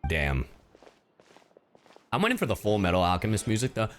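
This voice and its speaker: With game music playing faintly behind him, a professional voice actor streams a game and reacts in a relaxed, jokey, profane way. He talks at normal speed in a fairly low voice with huge pitch swings, and there's slight background noise.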